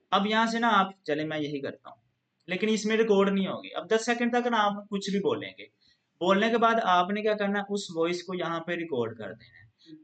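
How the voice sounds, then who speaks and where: An instructor with a high-sitting voice walks through a screen-recorded software tutorial, explaining patiently step by step and leaning on a repeated filler phrase. The sound is lo-fi.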